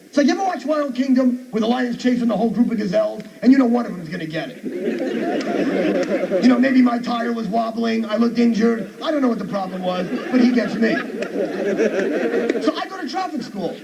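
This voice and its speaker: A man's voice: extremely high pitch, animated, fairly quick, creaky, highs cut off, a loud crowd. A male stand-up comedian delivering an abrasive, sarcastic rant on stage at a university comedy show. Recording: distant noisy live radio recording.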